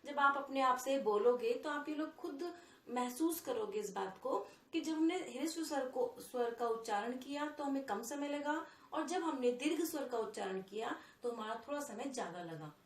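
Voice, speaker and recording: A woman teaching a grammar lesson, explaining sounds and slowly repeating example words. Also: sits high, echoey room.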